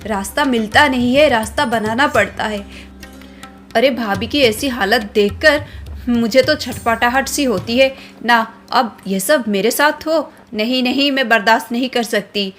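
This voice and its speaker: A woman's voice: fairly high pitch, unhurried, fairly bright tone, soft background music. A woman voicing a rebellious young bride-to-be who speaks indignantly and outspokenly. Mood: defiant.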